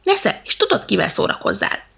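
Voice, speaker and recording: A woman voicing a cheeky, hot-tempered little male monkey in a storybook reading, loud, high and excitable. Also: creaky. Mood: mocking.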